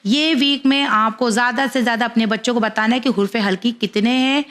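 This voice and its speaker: A woman's voice: fairly high pitch, fairly bright tone. A woman teaching Quran reading to parents, patiently sounding out syllables one by one. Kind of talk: slow spelled-out letter-by-letter instruction.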